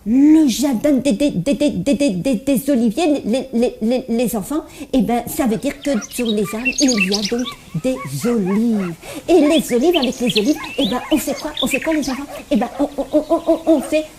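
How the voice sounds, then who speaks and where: A woman's voice: high-pitched, normal speed, hardly any pauses, noisy background, lightly acted. A woman voicing a cheerful, eager little child puppet who stutters heavily while telling a Bible story to children. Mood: storytelling. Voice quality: heavy stutter, repeats words many times.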